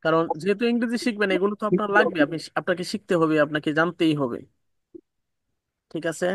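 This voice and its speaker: A man's voice: high-pitched, fast talker, no echo. A man teaching English pronunciation in an online class, patiently repeating each sound with small fillers. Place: online video call class.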